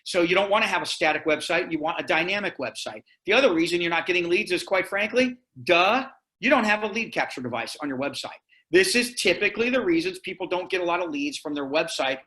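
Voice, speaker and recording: A man presenting a sales webinar, talking in a direct, energetic and persuasive way. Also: high voice, quick pace. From Florida, US.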